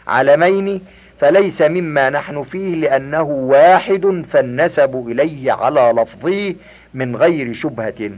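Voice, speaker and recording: A man reading a classical grammar book aloud in a slow, formal, deliberate recitation. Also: on the high side. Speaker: reader of a classical grammar text. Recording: dull lo-fi cassette tape recording.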